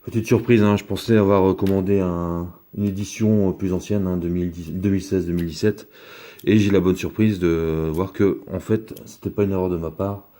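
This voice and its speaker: A man's voice: low-pitched, steady tone, moderate pace, warm tone. A man giving casual, rambling commentary as he opens a box of trading cards, talking with many fillers. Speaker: card collector opening a box.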